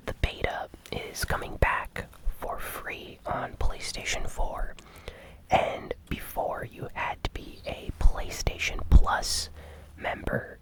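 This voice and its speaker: Gaming news gets an ASMR recap from a whispering host whose delivery is hushed, breathy, unhurried, and quietly enthusiastic.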